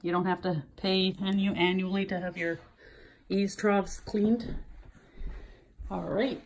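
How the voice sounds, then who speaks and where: A woman's voice: mid-range voice, steady tone, slow pace, slight background noise. A real estate agent walking through a large house, chatting as she points out rooms and getting a little out of breath. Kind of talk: walking house tour narration.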